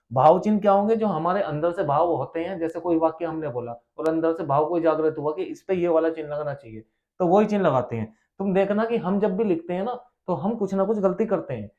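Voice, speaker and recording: Grammar teacher, a man with a high voice. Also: darkish tone. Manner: explains with rhetorical questions, repeats key terms. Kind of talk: exam-prep lesson. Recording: dull lo-fi sound.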